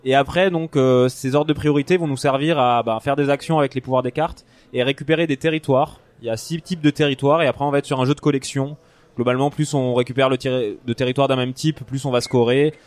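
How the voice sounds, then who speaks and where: A man's voice: medium pitch, fairly even intonation, fast. A man giving a casual board game review as a podcast panelist, searching for his words as he explains.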